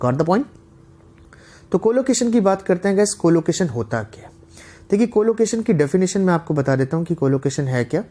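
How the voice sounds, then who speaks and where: A male teacher giving an online lecture, reading example sentences slowly and often asking the class "got the point?". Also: fairly high pitch, a little mellow. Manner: reads English examples slowly and deliberately, often asks "guys, got the point?". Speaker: English teacher.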